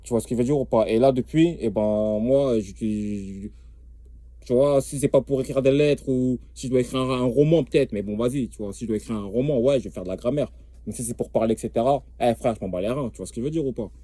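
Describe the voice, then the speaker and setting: A man's voice: mid-range voice, quick pace, mellow, no echo. A young man in casual, streetwise talk about learning languages, emphatic and repetitive, often checking that the listener follows. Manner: streetwise, repetitive, emphatic, keeps asking "tu vois". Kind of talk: casual slangy talk to camera.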